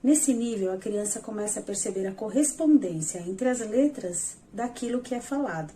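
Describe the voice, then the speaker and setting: A woman's voice: medium pitch, expressive, normal speed, dark tone, slight background noise. A woman teaching a lesson, patiently explaining examples step by step and talking directly to her viewers. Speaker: educational psychologist teaching. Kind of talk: explanatory lesson over slides.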